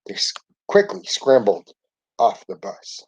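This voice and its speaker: A man's voice: mid-range voice, unhurried, husky, rough recording. Man reading a children's book aloud. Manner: steady narrating delivery. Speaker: storybook reader.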